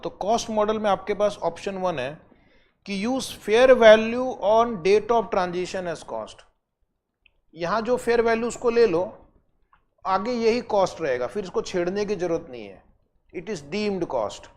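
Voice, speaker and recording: Man giving an exam revision lecture. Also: sits high. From India. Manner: explains step by step, slows down to dictate definitions; asks students rhetorical questions. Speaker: accounting lecturer.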